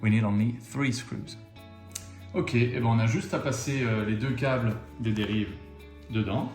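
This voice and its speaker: A man's voice: medium pitch, unhurried, a little mellow, faint music behind. A man with a French accent hosting a bilingual model-assembly tutorial, easygoing and joking at himself as he explains each step. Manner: easygoing, jokes at himself, repeats each step in two languages. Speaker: RC model hobby video host. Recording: echoey room.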